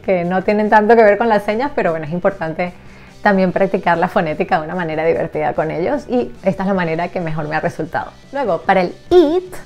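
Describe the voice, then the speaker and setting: A woman English teacher for young children, explaining a classroom game in a casual, lively way and acting out sounds and children's voices. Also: mid-range voice. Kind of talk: casual explanatory lesson to camera.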